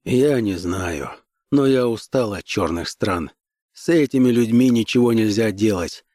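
A male audiobook reader voicing a gruff, hardened barbarian warrior who barks curt commands. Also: lowish voice, lively intonation, measured pace, a little mellow, dry recording, clean studio sound. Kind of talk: audiobook character voice.

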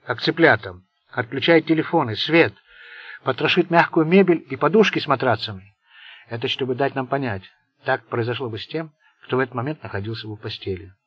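A man's voice: mid-range voice, fairly bright tone, slightly rough, dry recording. A man voicing a bitter, sardonic Italian gangster who rambles nervously. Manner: sarcastic, venomous.

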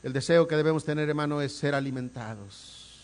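A man preaching a sermon as pastor, swinging from quiet asides to loud, emphatic calls and repeating words for emphasis. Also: fairly high pitch, brisk.

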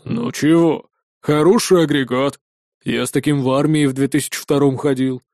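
A man voicing an old male gunsmith with a hoarse voice, who talks slowly and grumbles calmly. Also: a little high, no echo, clean studio sound, lightly acted. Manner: slow, unhurried and gently reproachful.

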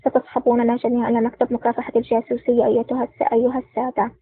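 A woman reading a calm, commanding male general. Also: on the high side, rapid-fire, slightly rough, no echo. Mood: firm. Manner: calm and firm. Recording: dry, tinny phone-like sound.

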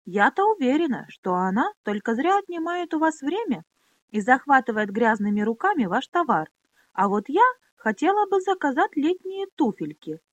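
Brief: woman reader doing a spiteful noble girl, shrill and high, sneering storybook villainess. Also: sing-song, moderate pace, dry recording.

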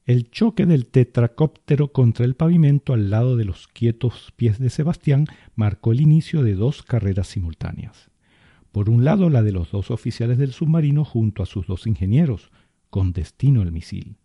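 Measured male narrator. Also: medium pitch, lively intonation, breathy edge, dry recording, highs cut off. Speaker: podcast narrator. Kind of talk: scripted narration.

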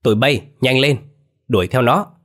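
A man's voice: medium pitch, moderate pace, fairly bright tone, voice pushed up, close to an everyday voice. A man voicing a bullying bald male gang boss who barks threats. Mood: angry yelling. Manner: barking, threatening.

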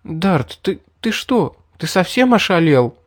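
A man voicing a wary young woman with fangs, raising his voice higher for her lines. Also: animated, moderate pace, no echo, studio quality, close to an everyday voice. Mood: stunned.

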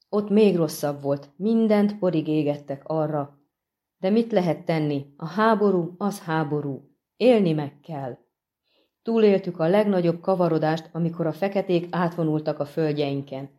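A woman voicing a chatty, grateful middle-aged peasant man in an audiobook, talking in a folksy, animated way. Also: fairly low pitch, natural voice. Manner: folksy, animated, respectful to his master. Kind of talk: audiobook reading.

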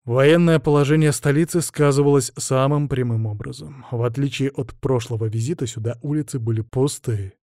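Dude narrating a fantasy audiobook, wry chatty tone, super dry close mic. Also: male voice, medium pitch, normal speed, hardly any pauses, darkish tone, no echo. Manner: wry, conversational first-person.

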